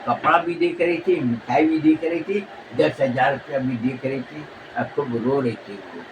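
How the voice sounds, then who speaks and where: A man telling a real-life story in a relaxed spoken way, chuckling often as he goes. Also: medium pitch, moderate pace. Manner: chuckles often while recounting. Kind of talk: informal oral storytelling. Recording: voice from a distance, clear background noise.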